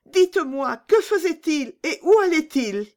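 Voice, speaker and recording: A woman's voice: sits high, lively intonation, normal speed, voice pushed up. A woman voicing a timid little girl who asks anxious, pleading questions, in a storybook reading.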